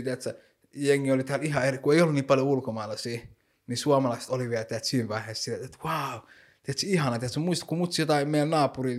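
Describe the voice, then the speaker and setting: A young man from Finland talking casually in slang, sprinkling in English phrases and many fillers. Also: mid-range voice. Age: young adult. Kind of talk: casual conversation.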